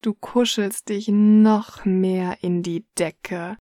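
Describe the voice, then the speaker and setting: A woman reading a guided relaxation story in the second person, soft and hushed. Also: mid-range voice, fairly even intonation, extremely slow, no room sound, studio quality.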